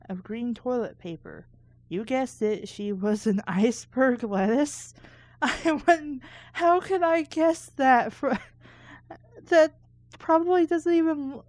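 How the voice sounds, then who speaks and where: A woman with a slightly high, slightly mellow voice casually reads a book aloud, recorded with no room sound. She reads and reviews children's books, adding sarcastic, mildly crude asides and correcting her stumbles as she goes.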